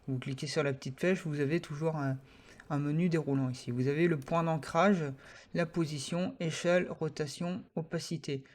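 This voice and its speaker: Un homme qui donne un tutoriel logiciel enregistré sur écran, en parlant de façon hésitante avec beaucoup d'hésitations, et qui commente chaque clic. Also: male voice, fairly high pitch, steady tone, moderate pace, darkish tone. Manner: hesitant, many fillers, talks through each click. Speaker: software tutorial teacher. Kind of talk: screen-recorded software tutorial.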